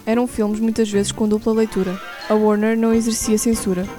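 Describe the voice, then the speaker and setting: A woman with a European Portuguese accent giving brisk, informative scripted radio narration. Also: fairly high pitch, flat delivery. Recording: narration over music. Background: music.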